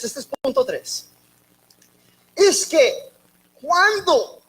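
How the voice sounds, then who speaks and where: High-voiced woman preaching a sermon. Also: poor audio. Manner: halting, often repeats and restarts words; lively, joking asides mid-sermon.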